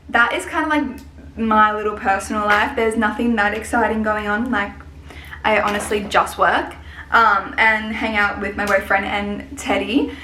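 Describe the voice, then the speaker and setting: A woman's voice: mid-range voice, bright, forceful tone. A woman in her twenties, a hairdresser and salon owner, chatting casually and rambling in a vlog. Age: 20s. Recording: echoey room with faint hiss.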